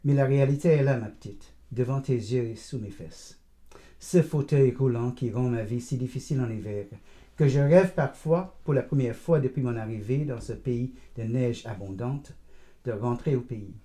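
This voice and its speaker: Man reading as an old grandfather, very dark mellow voice, rambling and wry storyteller, audiobook narration. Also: medium pitch, close to an everyday voice. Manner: meandering, digressive, gently teasing. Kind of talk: first-person audiobook narration.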